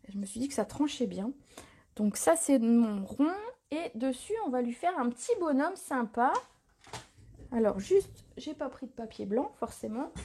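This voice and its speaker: A woman hosting a live craft tutorial, chatting casually, answering viewer comments and filling pauses with little words as she works. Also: a little high, animated, warm tone, slightly rough. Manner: chatty, reads viewer comments aloud, frequent fillers. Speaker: crafting demonstrator. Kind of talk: live stream tutorial chat.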